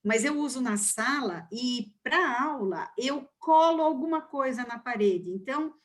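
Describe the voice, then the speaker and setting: A woman teacher with a fairly high voice talks from her bedroom at home. She is chatty and tells short anecdotes in a casual online class. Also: animated, a little slow.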